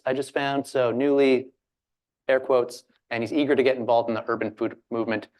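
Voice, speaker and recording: A man from Alberta moderates a panel in a loose, chatty way, stopping to restart his sentences and joke at his own expense. His voice sits at an ordinary middle pitch. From Alberta, Canada. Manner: chatty, self-deprecating, many fillers and restarts.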